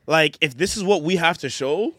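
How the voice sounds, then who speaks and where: A man's voice: a little high, normal speed, pushed and bright. A man with a Toronto slang accent chatting casually on a podcast, emphatic, restarting and repeating his point.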